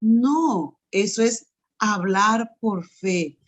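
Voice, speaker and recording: A woman's voice: medium pitch, expressive, very slow. A woman preaching a sermon with personal testimony. She speaks earnestly, builds her points by repeating phrases and turns to her listeners with direct asides.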